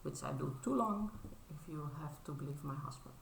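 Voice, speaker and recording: With a deep, animated voice and vocal fry at a moderate pace, a Dutch woman in her thirties talks casually in English on her show-and-tell crafting vlog. She's modest and apologetic, hesitant with fillers and restarts, in a reverberant space with background noise.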